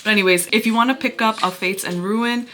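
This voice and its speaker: A woman chatting casually through a book review to camera, sounding breathy and out of breath. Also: mid-range voice, fairly even intonation, brisk, background noise. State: out of breath from pregnancy.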